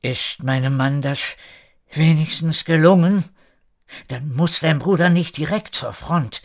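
A man reading an audiobook, voicing an earnest, warm-hearted woman who owns an estate and speaks with urgency. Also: a little high, a little slow. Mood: urgent. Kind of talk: audiobook character voice.

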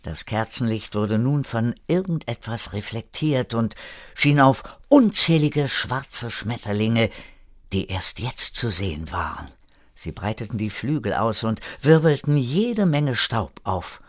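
Slow-telling old male storyteller. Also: mid-range voice, big pitch swings, no echo, studio quality. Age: older. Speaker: storyteller grandfather. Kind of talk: storytelling narration.

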